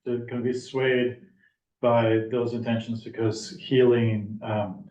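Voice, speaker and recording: A man's voice: medium pitch, little pitch movement, slow pace, dark tone. A man speaking graciously and encouragingly in a community group meeting. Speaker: community arts meeting participant. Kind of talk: casual sharing in a group meeting. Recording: dull, roomy sound from far off the mic.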